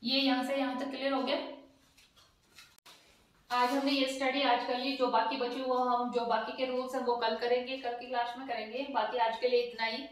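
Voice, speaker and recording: A woman teaching a casual spoken language lesson, spelling out letters slowly and repeating each word. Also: a little high, level tone, distant mic. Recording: echoey room, voice a bit off-mic.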